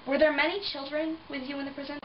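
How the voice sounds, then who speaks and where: A woman's voice: sits high, little pitch movement, quick pace. A woman as reporter in an amateur mock news piece, reading plain scripted questions. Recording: dull distant recording with noise.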